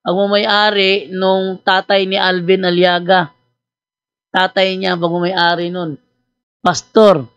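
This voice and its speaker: Animated male priest telling a story. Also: sits high, takes it slowly, clear, resonant tone, dry recording, lo-fi sound. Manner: animated, teasing storyteller acting out both sides of a dialogue; conversational, with frequent fillers and restarts. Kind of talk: storytelling apologetics talk.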